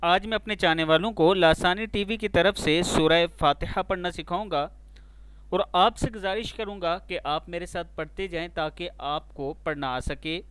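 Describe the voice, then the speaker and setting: A man teaching Quran recitation in a slow, spelled-out lesson. He spells out each letter and vowel mark, then recites the whole word, drawing out the long vowels. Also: high voice, fairly bright tone, clear, resonant tone, no echo.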